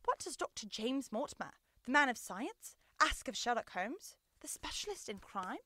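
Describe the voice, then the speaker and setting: A woman's voice: on the high side, very animated, normal speed, sharp tone, no echo, studio quality, full character voice. A young woman playing a brilliant, self-assured male Victorian detective in a theatrical, precise radio drama style. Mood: keen, expectant. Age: young adult. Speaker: student actor.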